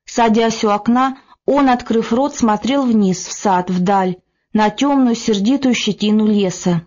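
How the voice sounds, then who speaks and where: A woman's voice: on the high side, unhurried, a little mellow, dull audio. Woman narrating a classic novel. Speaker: audiobook narrator. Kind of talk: scripted narration.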